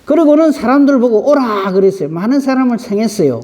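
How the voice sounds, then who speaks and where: Woman, pastor, dawn sermon, rhetorical questions, very lively intonation, long church-hall reverb. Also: a little high, fast talker. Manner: lively, asks the congregation many rhetorical questions. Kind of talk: dawn prayer service sermon.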